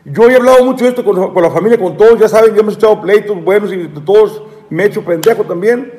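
Stammering man with a high voice. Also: fast, a little mellow, in a large hall. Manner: repetitive, stammering, aggrieved. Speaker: live streamer. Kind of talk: rambling live-stream monologue.

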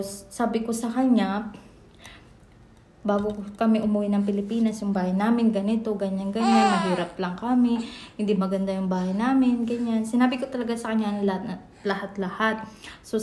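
A woman's voice: medium pitch, mellow. A young Filipino woman telling a personal story in a casual, rambling vlog with many restarts. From Philippines. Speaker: vlogger. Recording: echoey room, faint noise.

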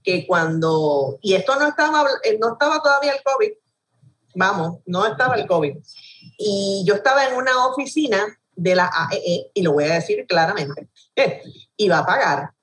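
A woman's voice: medium pitch, expressive, normal speed, fairly bright tone. A woman co-host with a Puerto Rican accent, telling stories animatedly, laughing and acting out other people's voices. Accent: Puerto Rican Spanish. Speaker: radio show co-host. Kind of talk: lively storytelling in conversation. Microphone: video call from home. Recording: distant video call audio.

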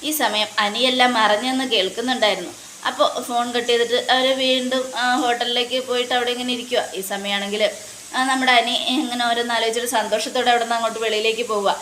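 A woman narrates a serial recap in a loose, conversational way. Her voice sits fairly high, and the echoey room carries faint background noise. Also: fairly even intonation, quick pace, fairly bright tone. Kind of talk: casual story retelling.

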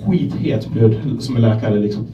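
A young Swedish man from Gävle doing a stand-up set, telling self-deprecating stories in a deadpan way and acting out the people in them. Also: lowish voice, muffled recording. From Sweden, Gävle. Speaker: stand-up comedian. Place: comedy club stage. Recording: echoey club room, voice from a distance.

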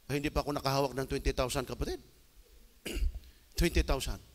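A man from the Philippines preaching a sermon as an evangelist, telling stories with sudden shouted bursts. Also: medium pitch, a little fast. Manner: animated storytelling with bursts of shouting. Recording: long hall reverb.

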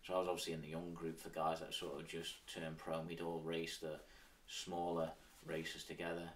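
Low-voiced Manx man, chatting casually. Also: monotone, normal speed, distant mic, a little hiss or hum. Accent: Manx, Isle of Man. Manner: informal, with frequent "sort of" and "like". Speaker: interview guest, former professional cyclist. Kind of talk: casual interview reminiscence.

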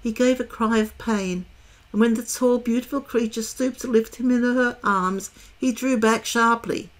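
A woman reading a children's novel aloud in a calm, measured way. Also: a little high. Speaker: storyteller.

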